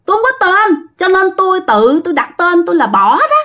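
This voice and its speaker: Woman putting on a coy, high drowned-girl ghost. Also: sing-song, a little fast, pushed and bright, full character voice. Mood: coy, stubborn. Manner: coy, whiny and high-pitched.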